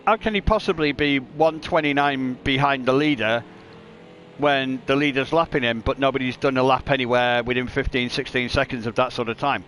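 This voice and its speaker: A man's voice: medium pitch, steady tone, brisk, a bit bright, a little hiss or hum. A man commentating live on an online sim race, chatty and joking, reading out lap times. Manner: chatty, jokey, reads lap times aloud.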